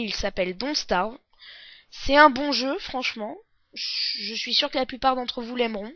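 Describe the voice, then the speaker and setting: A woman with a fairly high voice and a sore throat talks through a video game. She is hesitant and apologetic, like a beginner at presenting. The recording is dry and a little dull. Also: a bit bright, dry recording. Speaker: let's play presenter, beginner. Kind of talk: casual game walkthrough commentary. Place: indoors, recording at a computer. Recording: dull lo-fi close dry mic.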